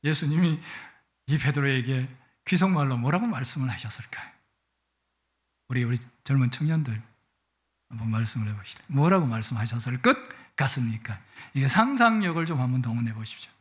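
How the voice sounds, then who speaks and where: A man's voice: mid-range voice, lively intonation, a little fast. A middle-aged man preaching a Sunday sermon in a church, with a playful manner that swells with emotion. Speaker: guest pastor. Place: church sanctuary.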